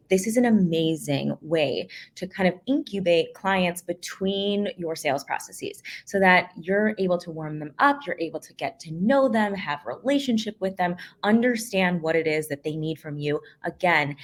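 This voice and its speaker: Low-voiced woman coaching a webinar. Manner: energetic, fast explanations with quick restarts. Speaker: co-host and business coach. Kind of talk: live webinar teaching.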